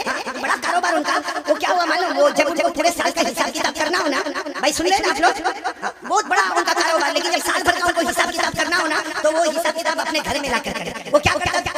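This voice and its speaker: Male preacher, high voice, call-and-response with a big crowd; echoey, distant recording. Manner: leads the crowd in call-and-response chants, jokey storytelling. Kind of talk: religious sermon to a large gathering. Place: large public gathering. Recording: echoey hall, distant mic, loud crowd.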